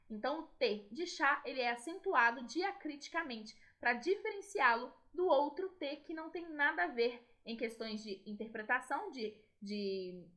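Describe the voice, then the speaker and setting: A woman's voice: high voice, fairly bright tone. A woman with a Brazilian Portuguese accent, a Spanish teacher explaining grammar in a recorded video lesson and often checking in with her students. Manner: explanatory, tag questions to students.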